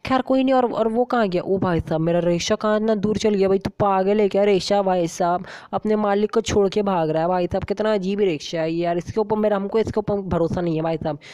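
Female YouTuber as a brash baby gangster, excitable game commentary, warm low tone. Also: quick pace, few pauses. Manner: excitable, chatty, exclaiming often. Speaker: gaming YouTuber. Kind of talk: comic game commentary in character.

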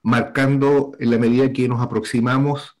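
Speaking through a headset on a video call, this Chilean host runs a political talk show from a room at home with bookshelves. He's middle-aged, with a medium-pitched voice, flat delivery and a moderate pace. His introductions come out formal and long-winded, full of fillers.

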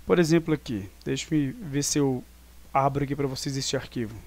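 A man's voice: medium pitch, brisk, darkish tone. A Brazilian man teaching a review class online, explaining step by step with many tag questions and fillers. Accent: Brazilian Portuguese.

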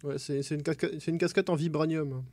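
A man's voice: a little high, steady tone, fairly quick, a little mellow, no echo. A young man giving casual, slangy, wry live game commentary as a streamer. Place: small room at home, indoors.

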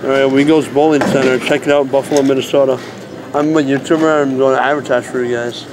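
A man's voice: medium pitch, fairly even intonation, fast, noisy background. A young man vlogging and joking with friends on a phone camera in a bowling alley. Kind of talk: casual chat. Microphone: handheld phone camera.

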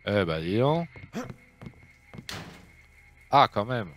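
A man's voice: fairly low pitch, very animated, very slow, a bit bright, faint music behind. A man hosting a let's play, commenting casually on his gameplay with jokes and reading the game's lines aloud. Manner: joking, reads game dialogue aloud in French.

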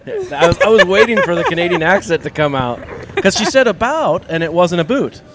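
A man's voice: sits high, big pitch swings, fairly quick, heavy background noise. A man hosting a farm podcast, joking and teasing his guest in casual chat. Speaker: podcast host.

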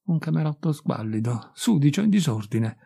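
A man reading a literary short story aloud in a measured, steady narration. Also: a little high, vocal fry, husky. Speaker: audiobook reader.

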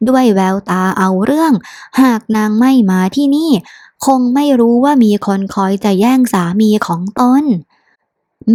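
A woman narrates a novel in a calm, steady storytelling voice. Her voice sits somewhat high. The recording is dry and close-miked, with no room sound. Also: no echo. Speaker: audiobook narrator.

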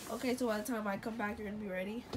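A woman vlogger chatting excitedly to her handheld camera, outdoors in snow and then in a cabin room. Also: medium pitch, very fast. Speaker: vlogger host. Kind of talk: casual vlog narration to camera. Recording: crowd noise in background.

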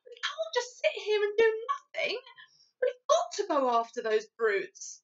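A woman's voice: extremely high pitch, huge pitch swings, moderate pace, pitched above the performer's own voice, exaggerated voice. A woman voicing a passionate, determined and indignant little girl in a storybook, crying out with emphasis. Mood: indignant, pleading. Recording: dull lo-fi recording.

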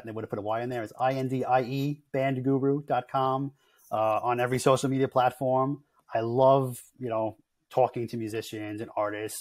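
A man's voice: medium pitch, darkish tone. A middle-aged man, a guest on a podcast, talking in an easygoing way and chuckling between remarks. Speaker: guest, music industry consultant. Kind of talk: casual podcast interview.

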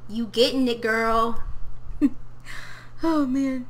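A woman's voice: fairly high pitch, fairly even intonation, drawn-out words. A young woman from Tennessee, casually chatting and giggling while streaming a game, talking to her character and her chat. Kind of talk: casual live-stream commentary. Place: home room.

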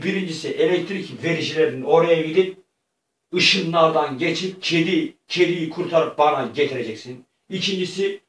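A man's voice: a little high, a bit bright. A man voicing a commanding mystery spirit. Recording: echoey room, mic far off.

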